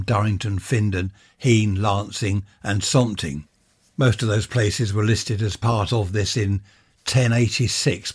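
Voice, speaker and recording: A man's voice: lowish voice, breathy edge. A man from West Sussex, chatting and rambling as he narrates a casual walkabout vlog on a handheld microphone. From West Sussex, England. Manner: chatty, rambling, thinking aloud. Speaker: vlogger.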